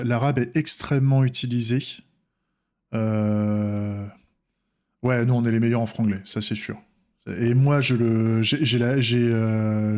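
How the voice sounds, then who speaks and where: A man's voice: mid-range voice, a little mellow. A man from France chatting casually on a devlog, rambling, with frequent restarts and fillers. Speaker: indie game developer.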